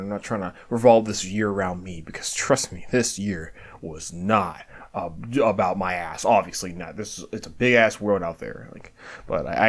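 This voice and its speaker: Lowish-voiced guy stammering thru a year-end vlog, lots of restarts and swearing. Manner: heavy casual swearing; self-deprecating, earnest. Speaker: video creator. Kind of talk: candid year-end reflection.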